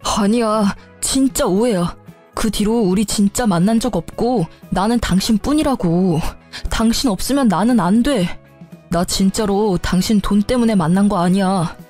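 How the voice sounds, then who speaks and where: A woman's voice: medium pitch, unhurried, a little mellow, soft background music, natural voice. A woman voicing a cheating husband who pleads with his wife and makes excuses. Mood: pleading. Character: cheating husband begging his wife, young adult man.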